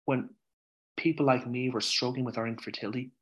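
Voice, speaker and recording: A candid Irish man telling his story in a frank, conversational way. His voice sits at an everyday middle pitch. He swears freely and drifts onto tangents. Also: steady tone, brisk, fairly bright tone, lo-fi sound. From Ireland. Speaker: podcast guest.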